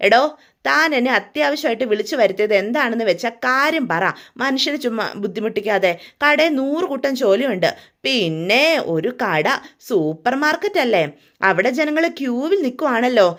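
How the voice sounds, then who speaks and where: A woman voicing a sharp-tongued middle-aged wife who scolds in an exasperated way. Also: fairly high pitch, expressive, moderate pace.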